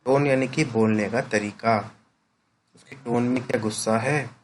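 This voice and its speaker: A man's voice: medium pitch, fairly even intonation, measured pace, slight background noise. A male teacher explaining a lesson to his students, often checking in with short "right?" tag questions. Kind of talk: classroom lecture.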